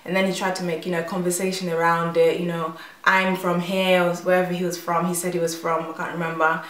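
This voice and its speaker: A young woman from Uganda telling a personal story to camera in a chatty, animated way, with plenty of fillers and restarts. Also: lowish voice, quick pace, far from the mic. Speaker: vlogger. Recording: echoey room.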